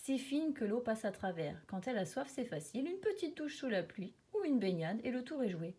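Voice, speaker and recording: Une femme lit un livre documentaire sur la nature pour enfants, comme une conteuse expressive qui souligne certains mots avec emphase. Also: female voice, fairly high pitch, brisk, breathy edge. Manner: storytelling, dramatic emphasis on repeated words and sound words. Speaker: reader of a children's nature book. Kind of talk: expressive nature documentary narration, read aloud for children.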